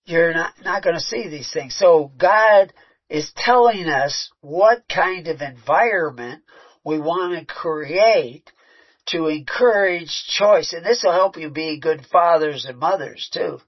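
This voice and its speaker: A man's voice: a little high, slow pace, husky. A man preaching a sermon, mixing scripture with a conversational personal story and frequent restarts. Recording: muffled, lo-fi recording.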